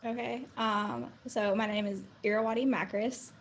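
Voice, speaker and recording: A woman's voice: medium pitch, fairly even intonation, normal speed, a little hiss or hum. A woman in her twenties from the American South, a football player answering interview questions over a video call with brief, upbeat replies and easy laughter. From United States, the South.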